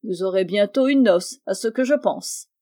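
A woman reading aloud plays a gossipy older coachman with a folksy, chatty manner. Her voice is mellow and dark in tone, a little louder than her narration. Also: mid-range voice, lively intonation, moderate pace, close to an everyday voice. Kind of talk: audiobook reading.

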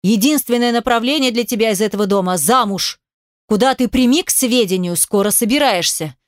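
A woman reading the lines of a domineering, angry aging father in an audiobook, giving curt orders and shouting threats. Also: on the high side, fairly quick, no echo, clean studio sound, natural voice. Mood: furious shouting. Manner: harsh commanding, shouts threats. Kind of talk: audiobook character voice.

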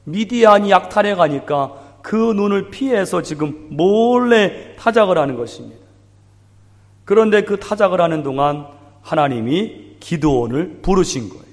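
A male pastor preaching a sermon with passion, often crying out pleading questions to God in a raised voice. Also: fairly high pitch. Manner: impassioned preaching, voices anguished pleas to God. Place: church sanctuary. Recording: church hall with long reverb.

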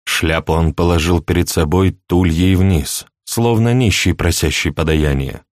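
A man's voice: low-pitched, a little slow, no room sound, clean studio sound. Man narrating an audiobook. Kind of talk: scripted narration.

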